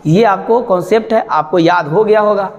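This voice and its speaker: A man running an exam-prep lesson, joking through memory tricks and bursting into bits of song. His voice sits high for a man and stays playful, dwelling on each key word. The sound rings with a long reverb, as in a hard-walled classroom. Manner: playful, sings snatches of songs and acts out little sketches; repeats key words slowly for memorising. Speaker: coaching teacher.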